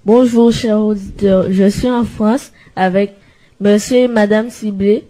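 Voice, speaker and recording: A woman's voice: medium pitch, steady tone, a little slow, dark tone, lightly acted. A woman playing a patient male reporter who politely interviews a chatty couple in an amateur radio skit.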